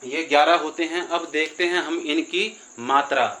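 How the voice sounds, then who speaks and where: A man's voice: a little high, fairly even intonation, moderate pace, bright, forceful tone, poor audio. A man teaching a grammar lesson, patiently repeating and drawing out vowel sounds while addressing his listeners as friends.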